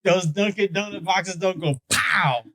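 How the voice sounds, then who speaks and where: Man, fairly high voice, podcast co-host, heated, swears a lot, dry sound. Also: a little slow, pushed and bright, no echo. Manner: blunt, heated, profane. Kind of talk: casual debate chat.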